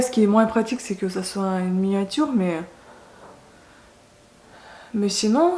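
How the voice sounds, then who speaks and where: Talking to the camera as she applies makeup, this beauty vlogger keeps things casual, frequently pausing and fixing what she says. She has a mid-range, slightly mellow voice, captured in an echoey room with a little background noise.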